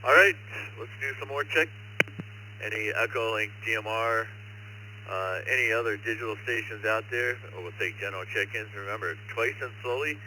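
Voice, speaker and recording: A man's voice: fairly low pitch, moderate pace. A man working as net controller, running an amateur radio check-in net in a courteous, procedural way over two-way radio. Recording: very noisy ham radio link.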